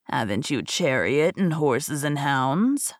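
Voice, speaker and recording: A woman voicing a miserable, lame old beggar man who is sly and drawls slowly. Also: deep voice, animated, no echo, studio quality, voice pushed down, full character voice. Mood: wheedling.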